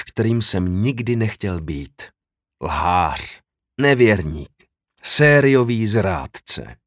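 A man narrating an audiobook in the first person, reading in a measured, intimate storytelling manner with slow dramatic pauses. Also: on the low side, no echo, studio quality.

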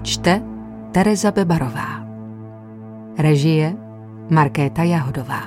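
A woman narrating an audiobook in an expressive way, recorded close on a studio mic. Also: low voice, soft background music. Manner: expressive, changes voices for characters. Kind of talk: scripted narration.

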